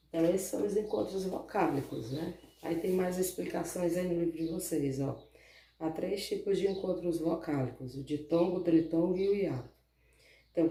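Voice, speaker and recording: Brazilian primary teacher, patient and methodical, dark mellow voice heard from across an echoey room. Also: medium pitch. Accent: Brazilian Portuguese. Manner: patient, explains step by step, keeps asking "né?" and "certo?". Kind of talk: recorded online class lesson. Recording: echoey room, voice far from the mic.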